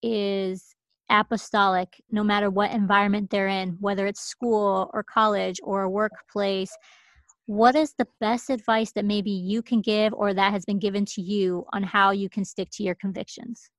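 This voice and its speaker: Woman host, steady and affirming, little melody, dry sound. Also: medium pitch, normal speed, no room sound. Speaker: interviewer. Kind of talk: casual interview.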